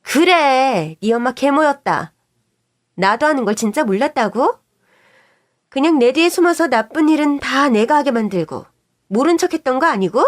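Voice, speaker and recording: A woman's voice: high-pitched, lively intonation, darkish tone, no room sound, studio quality. A woman voicing a pushy, scheming middle-aged sister-in-law who wheedles and snaps. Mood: angry. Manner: pushy, wheedling, quick to snap.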